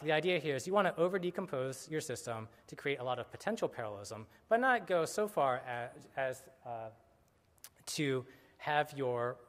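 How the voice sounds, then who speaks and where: A man giving a technical conference talk in a casual way, with many fillers and self-corrections. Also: mid-range voice. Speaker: conference speaker. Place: conference hall. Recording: lecture hall with long reverb.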